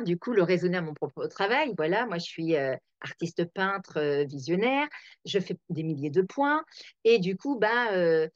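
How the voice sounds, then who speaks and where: A woman's voice: on the low side, no room sound. A woman hosting a reflective talk, thinking aloud with many fillers and restarts. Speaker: host. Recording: dull, dry lo-fi sound.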